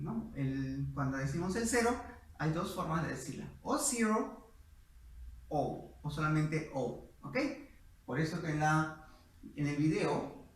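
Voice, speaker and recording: Male language teacher, slightly high voice, very slow, patient, quizzes the class, distant mic in a very echoey room. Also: slight background noise. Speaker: English teacher. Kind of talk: bilingual classroom lesson. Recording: echoey, mic far away.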